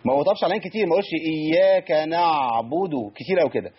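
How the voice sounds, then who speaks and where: A man with an Egyptian Arabic accent teaching Quran recitation on a radio call-in, patiently correcting callers and slowly demonstrating pronunciation. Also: a little high, lively intonation, slightly rough. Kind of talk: live radio call-in lesson. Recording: dull lo-fi radio broadcast.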